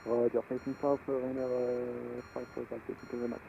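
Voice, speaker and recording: A man making clipped pilot calls over the radio, brisk and hurried. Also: medium pitch, completely flat delivery, vocal fry, mellow. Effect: pilot heard over the radio. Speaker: virtual airline pilot. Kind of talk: radio calls with standard phrasing. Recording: muffled radio with noise.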